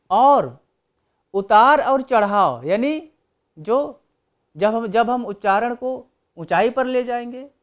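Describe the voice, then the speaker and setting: Slow, deliberate lecturer with lively intonation. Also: medium pitch. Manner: deliberate, pausing and repeating key terms. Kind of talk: recorded academic lecture.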